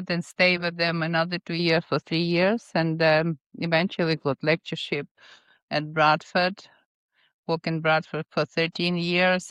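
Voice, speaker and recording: A woman in her fifties whose first language is Ukrainian, answering interview questions with many pauses and fillers. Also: on the low side, fairly bright tone, clean tone, no room sound. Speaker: guest scientist. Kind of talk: interview answers, recounting career.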